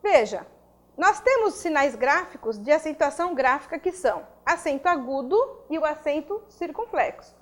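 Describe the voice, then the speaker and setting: High, lively woman teaching grammar. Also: moderate pace. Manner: explains step by step, often checks in with "né?" and "ok?". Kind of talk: video lesson for exam prep.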